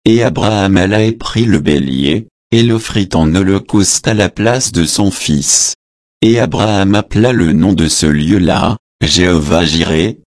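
A man giving a measured, deliberate reading of scripture, even reading out the footnotes. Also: low voice, no room sound, clean studio sound. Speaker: scripture reader.

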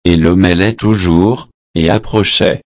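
A man reading scripture aloud in a measured, solemn way, announcing verse numbers and adding short translation notes. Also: sits low, steady tone, no room sound, studio quality. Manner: adds short translation notes between passages.

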